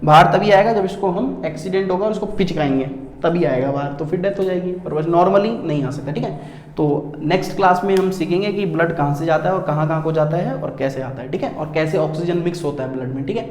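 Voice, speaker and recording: High-voiced male teacher in an echoey room. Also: brisk, a little mellow. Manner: repeats words and asks rhetorical questions while drawing; calls students "beta" and often says "theek hai". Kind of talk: classroom-style lesson. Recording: echoey room with faint ambience.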